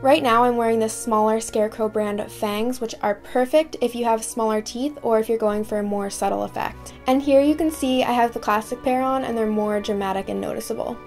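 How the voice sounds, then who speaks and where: A woman hosting a costume tutorial, talking through fake vampire fangs she is wearing as she gives clear step-by-step instructions. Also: a little high, fairly even intonation, fairly quick, hardly any pauses, darkish tone, soft background music. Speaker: beauty and costume tutorial host. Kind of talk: scripted tutorial voice-over.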